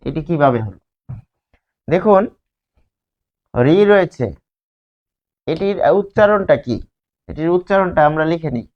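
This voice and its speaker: A man teaching a grammar lesson at a board, spelling words out slowly and answering his own questions. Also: on the high side, expressive. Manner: asks questions and answers them himself. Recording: dull lo-fi sound.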